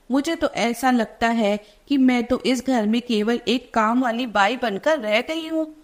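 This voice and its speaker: Woman reads as a gentle, worn-out elderly mother: weary, sorrowful, slightly high. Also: close to an everyday voice. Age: older. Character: older mother, tired and regretful, gentle.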